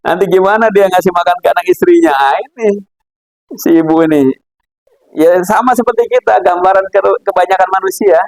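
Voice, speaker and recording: A man's voice: high-pitched, normal speed, no room sound, low-quality recording. A man giving a casual religious lesson, chatty and laughing often as he acts out characters in his stories. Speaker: Islamic philosophy teacher. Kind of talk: casual religious lecture with anecdotes.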